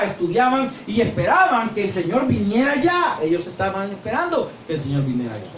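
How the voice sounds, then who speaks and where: Brief: older male pastor, high voice, animated sermon, echoey church heard from a distance. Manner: animated preaching, acts out voices and gestures. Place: church hall. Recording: echoey church sound from far off with faint noise.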